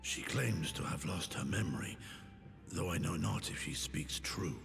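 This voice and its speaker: An actor playing a huge, gentle old warrior retainer who speaks formally and solemnly in a video game. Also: male voice, sits low, creaky. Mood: grave, uncertain. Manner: formal, archaic, measured speech. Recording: long cavernous reverb, faint music.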